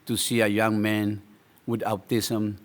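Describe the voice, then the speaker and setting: A man's voice: fairly low pitch, monotone, measured pace. A man, a business owner telling his story as a podcast guest with enthusiasm and many fillers. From El Salvador. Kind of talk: casual interview.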